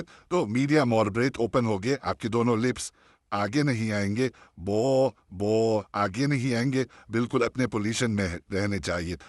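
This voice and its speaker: A man teaching an online pronunciation class, patiently explaining and repeating each sound slowly so students can practice. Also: on the low side, dry recording, clean studio sound. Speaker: Tajweed teacher.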